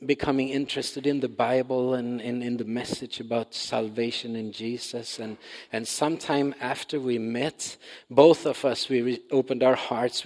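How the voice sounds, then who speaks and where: A man in his sixties from Sweden with a Swedish accent, speaking as a guest missionary at church in a halting, earnest way full of fillers and restarts. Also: mid-range voice, darkish tone. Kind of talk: church talk. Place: church sanctuary. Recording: long reverb of a large hall.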